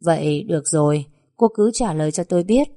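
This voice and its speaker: A woman's voice: sits low, a little fast, warm tone. Woman voicing a teasing young master. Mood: menacing. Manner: teasing, then coldly probing. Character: teasing young master of a rich household, playful then menacing.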